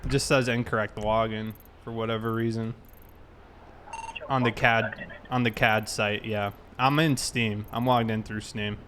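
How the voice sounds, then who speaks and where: On a livestream of a police roleplay game, a man speaks in a lowish, slightly bright voice with flat delivery and a measured pace. He's friendly and casual as he says hello to viewers, and background noise is clearly present.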